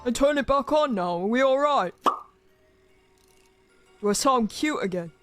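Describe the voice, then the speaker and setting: Brief: male streamer, voice changer pushing him to a very high cute anime-girl tone, teasing and mock-innocent, faint music behind. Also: lively intonation, measured pace, fairly bright tone. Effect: voice changer making a cute anime girl voice. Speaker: VTuber streamer. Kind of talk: comedic stream skit.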